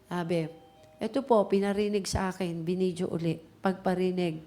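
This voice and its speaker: A woman's voice: on the low side, normal speed. A middle-aged Filipino woman pastor preaching a sermon, switching between Tagalog and English and acting out the voices in her stories. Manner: animated storytelling, mixes Tagalog and English, acts out voices in quotes.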